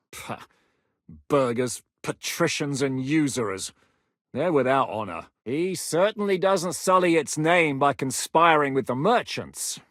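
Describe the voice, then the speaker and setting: Scornful in mood, this battle-hardened knight commander delivers game voice lines with blunt authority and plenty of swearing. His voice sits fairly high and moves through wide, lively swings, recorded up close with no room sound at all.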